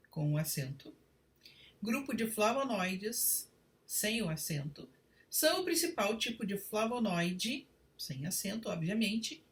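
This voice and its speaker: A woman giving a read-aloud grammar lesson, spelling out spelling rules one word at a time in a deliberate way. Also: mid-range voice, fairly bright tone, recorded from a distance. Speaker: Portuguese writing teacher.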